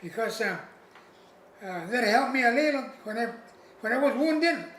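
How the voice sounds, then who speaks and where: An elderly man over 80 shares memories of his war service in a casual interview, his very high voice expressive and a bit bright. The telling is plain and halting, full of repetition and searching pauses. There's a roomy echo and faint noise in the background.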